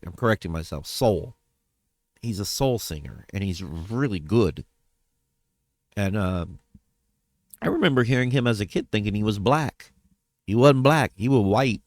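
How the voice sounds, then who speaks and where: A man's voice: lowish voice, dry recording, clean studio sound. A man talking casually in a personal vlog update, rambling, trailing off and correcting himself as he goes. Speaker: vlogger.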